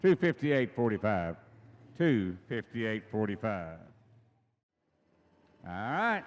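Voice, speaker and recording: A man's voice: on the low side, big pitch swings, takes it slowly. A middle-aged American man giving live event commentary as a tractor pull announcer in a folksy, emphatic way, repeating himself for effect.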